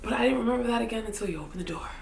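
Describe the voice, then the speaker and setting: A woman's voice: a little high, expressive, rapid-fire, gravelly, a little hiss or hum. A woman in her thirties casually and animatedly telling a personal story to camera, joking and swearing as she goes. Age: 30s. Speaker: vlogger.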